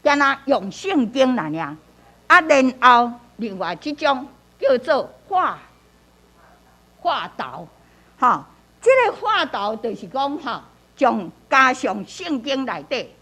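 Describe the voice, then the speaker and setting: A woman leads a church Bible-reading lesson in a high, bright-pitched voice. Her pitch swings widely as she teaches. She repeats phrases, tags many lines with a soft "hoh", and leans hard on key words when reading verses aloud. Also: very animated, takes it slowly. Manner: repetitive, peppers speech with "hoh"; reads scripture aloud with emphasis.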